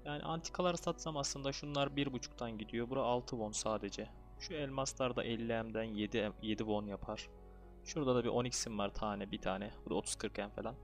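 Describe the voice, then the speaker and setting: A young man talks his way through an online game in a relaxed, chatty flow, fretting over luck and perking up quickly at good results. His voice sits at a middle pitch, neither deep nor high. Faint background music runs underneath. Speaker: gaming video creator. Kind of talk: casual gameplay commentary.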